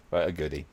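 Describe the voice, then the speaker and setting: Low-voiced man chatting on a stream. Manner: relaxed, rambling, many ums, talks to chat by name. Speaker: live stream host. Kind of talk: casual watch-along chat.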